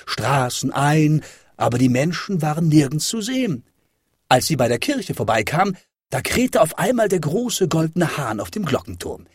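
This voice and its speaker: A man reading a children's fairy tale aloud with expressive, dramatic delivery. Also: on the high side, slightly rough, no room sound, clean studio sound. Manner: lively, dramatic rises and falls. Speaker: storyteller.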